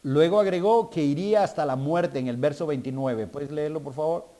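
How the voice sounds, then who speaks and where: A man's voice: on the high side, normal speed, warm tone. A male guest preacher delivering a sermon, calling for responses from the congregation and building to emphatic preaching.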